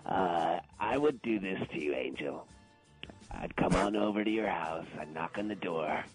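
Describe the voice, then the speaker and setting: Man playing a raspy coughing woman caller, very low voice, brazen and crude, flirty, faint music behind. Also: lively intonation, moderate pace. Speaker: prank caller in character.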